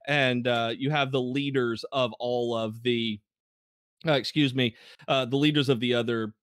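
A man's voice: mid-range voice, fairly even intonation, moderate pace, a bit bright, smooth, no room sound, studio quality. Casual man running a tabletop game. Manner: casual, with frequent fillers and restarts. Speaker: game master.

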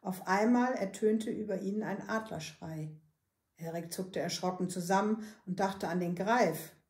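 A woman, a librarian, reading a children's book aloud with calm, steady storytelling. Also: medium pitch, echoey room.

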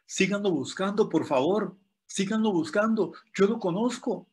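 A man's voice: high-pitched, moderate pace, darkish tone, slight background noise, pitched above the performer's own voice, close to an everyday voice. A man voicing a construction worker who insistently begs firefighters to keep searching for his friend. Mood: begging. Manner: pleading, insistent. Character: desperate male construction worker begging rescuers.

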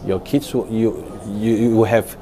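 A man in his thirties giving family road-trip tips in a casual, halting way, with many fillers and restarts, recorded on a lapel mic. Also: on the low side, steady tone, a crowd in the background. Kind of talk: casual how-to talk. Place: office room, then parked car.

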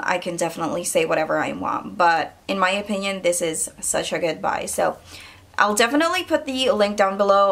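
Chatty young woman with a creaky voice. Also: on the low side, fairly bright tone. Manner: chatty, addresses viewers as you guys. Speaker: beauty vlogger. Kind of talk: casual hair tutorial.

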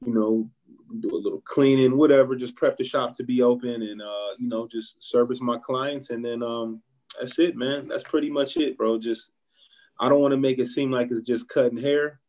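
A man's voice: medium pitch, moderate pace. A man who owns a barbershop and is from Ohio, talking casually in an interview and giving encouraging advice while calling people "man" a lot. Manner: relaxed, says "man" often, motivational. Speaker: barbershop owner, guest.

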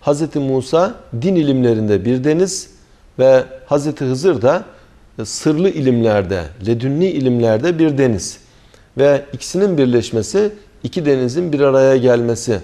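A middle-aged man giving a religious lecture, explaining verses in a measured way with frequent hesitant pauses. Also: medium pitch, mellow. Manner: recites Arabic verses then translates. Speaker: Quran commentary teacher.

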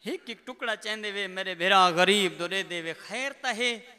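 A man's voice: high-pitched, moderate pace, bright, forceful tone, clear, resonant tone. A man, a religious orator, delivering a mournful sermon recitation and moving between speech and tearful sung lament. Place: large prayer hall. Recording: long reverb of a large hall.

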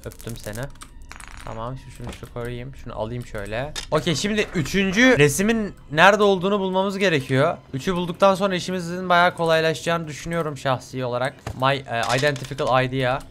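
A young man commentating his own horror game playthrough, swearing often, bursting into yells and slipping into English curses. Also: medium pitch, brisk, slight background noise. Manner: excitable, swears a lot, sudden yelling outbursts. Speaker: gaming channel host. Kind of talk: let's play commentary.

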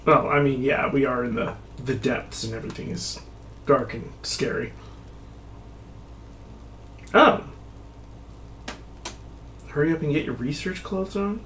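A man streaming a video game, chatting casually, mocking himself, swearing and breaking into sudden excited outbursts. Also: mid-range voice, a little slow, pauses often, slight background noise. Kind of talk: casual let's-play commentary.

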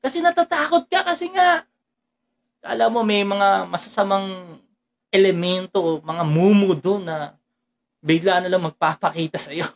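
A woman preacher with a Filipino accent giving an animated sermon, moving between Tagalog and English and often asking her listeners direct questions. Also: mid-range voice, moderate pace, long pauses. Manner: animated, mixes Tagalog and English, acts out quoted speech; asks the congregation direct questions.

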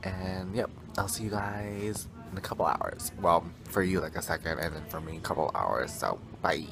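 A teenage boy talking into a handheld camera in an easy travel-vlog ramble, his voice sitting a little low. He gushes and exaggerates with dramatic slang. Loud music plays behind him. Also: moderate pace, vocal fry. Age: teens. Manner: gushing, dramatic teen slang. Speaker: vlogger.

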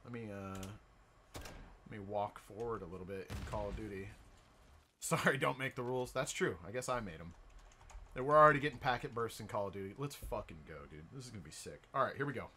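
A man's voice: on the low side, lively intonation, a little fast, pushed and bright, a little hiss or hum. An American man chatting casually on a livestream, rowdy and jokey, swearing freely. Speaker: live streamer. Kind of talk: casual, profane livestream chat.

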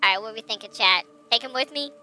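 Streamer's bright female-sounding voice-changer voice. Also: mid-range voice, fast talker, slight background noise. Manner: chatty, thinks aloud and asks chat for input. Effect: voice changer disguising the real voice. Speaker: game streamer. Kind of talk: casual live gameplay commentary.

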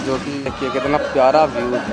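A young man with a Bihari Hindi accent, excitedly giving a walk-around tour in a casual vlog, filmed outdoors on a phone at arm's length. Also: mid-range voice, a little fast, very noisy. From Bihar, India. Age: young adult. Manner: excited tour-guide talk, keeps pointing things out. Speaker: travel vlogger. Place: outdoor hotel pool and garden. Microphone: phone at arm's length with clip-on mic. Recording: outdoor clip with loud crowd and music. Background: loud crowd and music.

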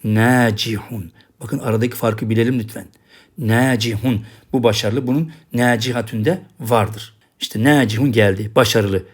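An Arabic teacher with a mid-range voice speaks at a normal speed in a recorded language lesson. He patiently drills each word and repeats the same checks.

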